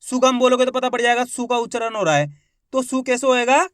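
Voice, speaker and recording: A man with a high voice gives a reading lesson for beginners. He sounds out words syllable by syllable and repeats each one slowly. The recording is close and dry, with no room echo. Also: fairly even intonation, fairly bright tone, smooth. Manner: encouraging, asks the learner questions. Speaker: Hindi reading teacher.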